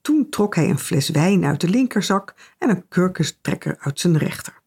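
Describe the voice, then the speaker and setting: A woman reads a novel aloud in the first person, keeping her delivery dry, wry and understated. Her voice has a gravelly texture. A husky grain runs through it. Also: fairly low pitch, sing-song, normal speed, warm tone. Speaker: audiobook narrator. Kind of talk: first-person literary narration.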